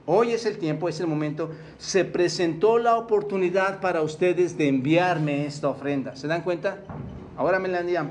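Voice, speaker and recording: A Mexican pastor preaches a sermon, frequently asking the congregation questions and repeating key words for emphasis. His voice sits on the high side, and the recording has a little hiss or hum.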